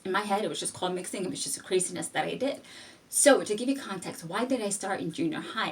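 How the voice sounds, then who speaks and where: A young woman chats through a personal story for her fragrance channel. She laughs often and gets animated as she tells it. Her voice sits a little back from the microphone, with a middling pitch. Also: distant mic. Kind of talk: casual storytime chat.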